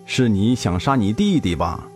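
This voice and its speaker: A man voicing an aging former king who speaks flatly and with resignation. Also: lowish voice, moderate pace, soft background music. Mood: weary. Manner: flat, resigned.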